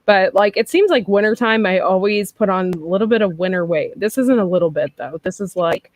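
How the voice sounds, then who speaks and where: A woman's voice: medium pitch, brisk, no room sound. Woman in her thirties, casual chat host, frank and rambling, dry close sound. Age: 30s. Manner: chatty and frank, with frequent laughs and fillers.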